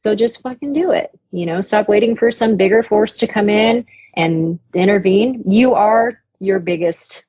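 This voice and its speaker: A woman musician, interviewed as a guest, speaks at normal speed in a mid-range, slightly mellow voice. She's candid and reflective, swearing casually from time to time, on dull, dry podcast audio.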